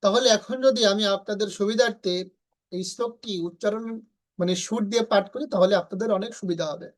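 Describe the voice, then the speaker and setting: A woman from Bangladesh with a Bangladeshi Bengali accent, teaching verse pronunciation slowly and patiently, repeating syllables and chanting lines in a melody. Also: mid-range voice, steady tone. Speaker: Gita recitation teacher.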